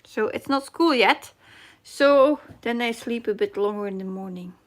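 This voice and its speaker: A middle-aged Dutch-accented woman hosts a relaxed cross-stitch live stream, her voice on the high side at a moderate pace. She reads viewer comments aloud and sometimes searches for the right English words.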